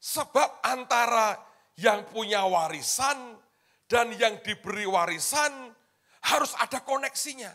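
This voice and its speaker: A male pastor preaching a sermon in a colloquial, dramatic way, swinging between loud shouts and hushed asides and often addressing the congregation. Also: very high-pitched, lively intonation, unhurried.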